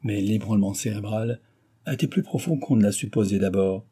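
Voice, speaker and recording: A man voicing a wounded, weary novelist who speaks quietly. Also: fairly low pitch, a little fast, breathy edge. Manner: quiet, subdued.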